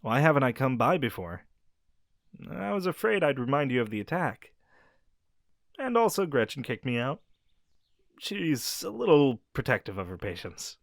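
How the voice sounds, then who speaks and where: In a scripted audio roleplay, a man plays a friendly young werewolf who speaks directly to the listener, soft, gentle, and reassuring, easygoing and caring throughout. His medium-pitched voice has vocal fry and rises and falls with real animation. The close mic recording is completely dry.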